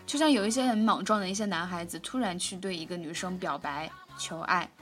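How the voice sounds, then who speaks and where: Fast-talking, bright-voiced young woman. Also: on the low side, faint music behind. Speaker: co-host. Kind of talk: casual relationship-advice chat.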